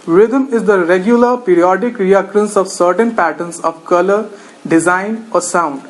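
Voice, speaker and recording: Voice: medium pitch, low-quality recording. A teacher giving a recorded lecture, methodically reading out lists of example words one at a time.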